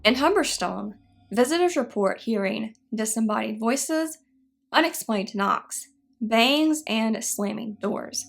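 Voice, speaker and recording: A woman narrating scripted spooky history stories in a measured, explanatory way. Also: on the high side, lively intonation, gravelly. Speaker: narrator of a haunted history show.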